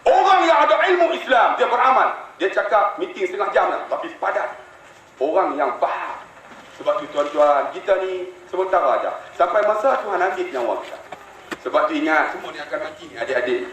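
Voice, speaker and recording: A religious preacher delivers a sermon in a high, brisk voice, telling animated stories and addressing his listeners directly. The mic picks him up from a distance in an echoey hall, with a little hiss or hum.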